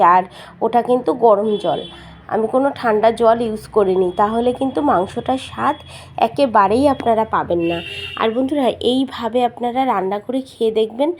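A middle-aged woman, slightly hoarse from a cold, chatting to viewers as friends while she cooks at home, recorded on a mobile phone. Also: a little high, darkish tone. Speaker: home cooking vlogger. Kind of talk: casual cooking demonstration. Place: home kitchen.

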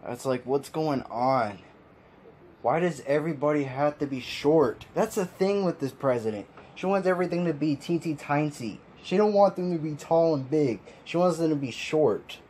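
Pitched on the higher side and a little mellow, this man's voice moves at a moderate pace with lively intonation over slight background noise. He's a video commentator ranting his opinions in frustration, sighing, laughing, and saying things more than once.

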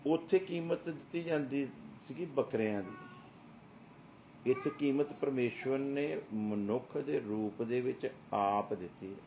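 A man's voice: mid-range voice, unhurried, mellow, a little hiss or hum. A middle-aged man preaching a sermon as a pastor, emphatic and full of rhetorical questions.

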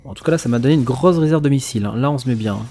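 A man giving casual let's play commentary in French, reacting excitably and swearing now and then. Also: mid-range voice, racing. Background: faint video game music.

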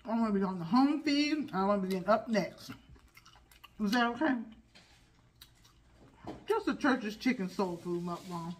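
A woman's voice: mid-range voice, expressive, normal speed, pauses often, slight background noise. A middle-aged woman mukbang host chatting casually to camera in a home kitchen while eating crunchy fried chicken, with chewing and murmured mms between phrases. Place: home kitchen with family moving around behind.

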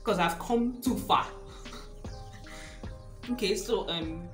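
A young woman with a Nigerian accent films a casual hair vlog in a small indoor room while rain falls outside, the camera held close at arm's length. She speaks slowly in a mid-range voice, laughs often, and teases her own doubts. The room is echoey and has background music.

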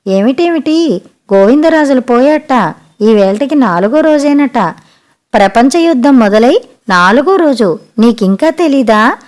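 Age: older. Woman voicing a loud, domineering old aunt. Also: high-pitched, expressive, unhurried. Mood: agitated. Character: bossy older woman relative, rigid about custom. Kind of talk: audiobook character voice.

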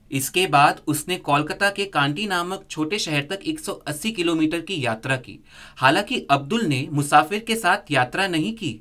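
A man reading a scripted news report as a voice-over, in a steady, measured way. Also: on the high side.

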